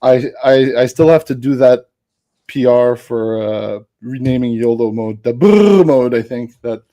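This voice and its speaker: A guest developer with a dark, medium-pitched voice chats casually about tech. He rambles, restarts his sentences, and laughs easily.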